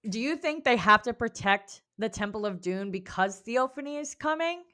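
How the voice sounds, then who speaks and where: Casting: female book podcast co-host, lively up-and-down delivery, casual and profane. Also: fairly high pitch, moderate pace. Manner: animated, swears casually, laughs often. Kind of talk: casual book club chat.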